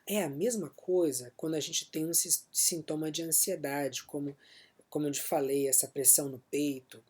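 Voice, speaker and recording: A man with a Brazilian Portuguese accent, a therapist giving a calm, explanatory self-help talk in short, measured phrases. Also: fairly high pitch, slightly rough.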